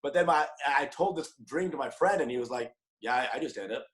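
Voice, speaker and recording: A man in his thirties from Dallas, a guest comedian chatting casually on a podcast, energetic, joking and profane. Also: medium pitch, fairly quick, rough recording. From Dallas, USA.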